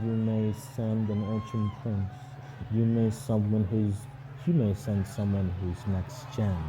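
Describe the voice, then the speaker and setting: A man playing a pompous, arrogant king of pro wrestling, giving a grandiose, theatrical promo speech. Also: fairly low pitch. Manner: pompous, grandiose, deliberate pauses. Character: pompous self-proclaimed king, arrogant male wrestling villain. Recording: distant mic, noisy arena crowd.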